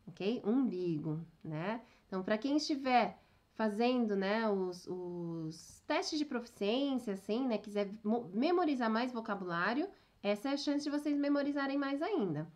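A woman with a fairly high, very lively voice gives a relaxed online Japanese lesson. She chats along, keeps checking that her students follow, and laughs easily at her own slips. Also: unhurried. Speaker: Japanese teacher.

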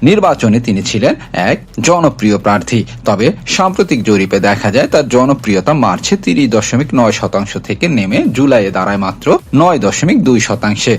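A man reading a scripted news explainer as narrator, in a formal, measured reporting manner. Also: medium pitch, lively intonation.

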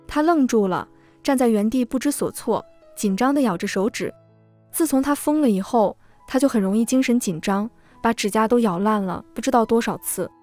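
A woman with a fairly high, clear voice reads a tragic first-person story aloud in a sorrowful, heartfelt way. Her voice sits dry and close, with soft music playing quietly underneath. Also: no room sound. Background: faint background music.

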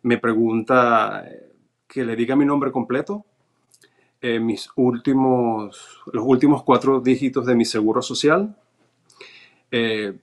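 As a guest in an interview, a man from Venezuela reads from his notes and lays out events one step at a time in casual storytelling. He speaks slowly at a mid-range pitch, with fairly even intonation and frequent pauses.

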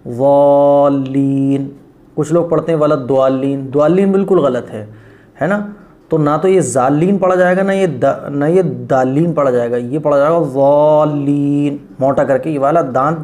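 A man teaching Quran pronunciation, patiently stretching out letter sounds and often asking whether it is clear. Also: a little high, darkish tone. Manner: slow, drawn-out demonstration of letter sounds; patient, repeats each sound and asks if it is clear. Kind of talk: pronunciation lesson.

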